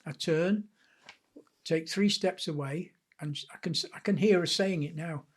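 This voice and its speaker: An older man from Blackpool, a guest telling lively stories in an interview and acting out what others said. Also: on the high side, measured pace, slightly rough. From Blackpool, England. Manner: lively storyteller who acts out what others said. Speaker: guest author. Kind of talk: anecdotal storytelling in an interview.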